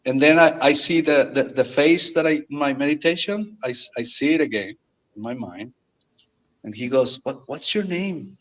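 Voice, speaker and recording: Earnest man, halting speech. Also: medium pitch, fairly bright tone, low-quality recording. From Mexico. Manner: halting, earnest, repeats words often. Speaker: guest. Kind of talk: casual storytelling.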